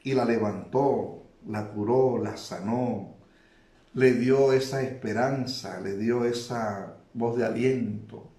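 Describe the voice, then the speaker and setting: A man's voice: mid-range voice, slow pace, warm tone. Man preaching a sermon in an echoey room. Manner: preaching, repeats phrases for emphasis.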